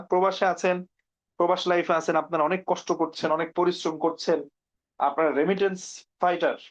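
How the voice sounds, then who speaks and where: A man from Bangladesh coaching network marketers in a conversational way, acting out sample phone chats as he goes. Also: high voice. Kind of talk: informal training talk. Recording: dull lo-fi recording.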